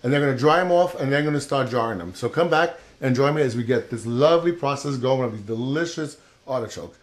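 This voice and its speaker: At a quick pace and medium pitch, an older male cooking show host talks viewers through a casual demonstration in his home kitchen, chatty and encouraging while he works.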